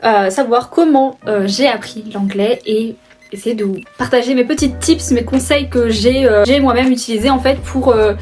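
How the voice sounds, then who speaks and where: A woman's voice: fairly high pitch, a little mellow. A young woman casually chatting to camera in a vlog, rambling with lots of fillers and restarts, laughing often. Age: young adult. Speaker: book vlogger. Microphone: phone camera.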